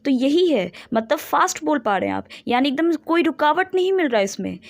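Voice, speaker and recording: A woman's voice: high-pitched, huge pitch swings, no room sound. Woman teacher going over grammar basics, keeps asking questions and drilling terms, dry close sound. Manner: repeats key terms slowly, asks rhetorical questions. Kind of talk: classroom lesson in Hindi and English.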